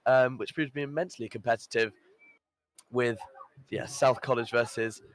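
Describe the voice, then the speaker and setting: A man calls a live event as lead commentator, upbeat and full of praise. His voice sits at a middling pitch, and he keeps things flowing with ums and little asides. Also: steady tone, normal speed, a little hiss or hum, rough recording. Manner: enthusiastic, upbeat, lots of praise and fillers.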